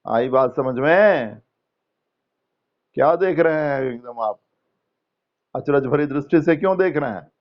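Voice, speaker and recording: A man's voice: medium pitch, lively intonation, a little slow, pauses often, lo-fi sound. A man teaching an English grammar lesson in an online class, patiently questioning students by name and explaining step by step in Hindi mixed with English terms.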